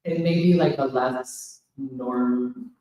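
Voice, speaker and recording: Halting male moderator, far from mic in a very echoey room. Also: medium pitch, fairly even intonation, mellow. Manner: hesitant, halting. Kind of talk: casual panel talk.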